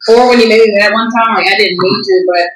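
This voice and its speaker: A young woman telling a funny story on a podcast, animated and laughing often. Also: mid-range voice, fast, slight background noise. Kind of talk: casual comedic storytelling. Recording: echoey room.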